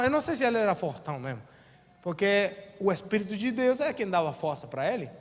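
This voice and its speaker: A man with a Brazilian accent preaching a sermon as pastor in a church, colloquial and acting out quotes in different voices. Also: very high-pitched. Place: church sanctuary. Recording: long church reverb.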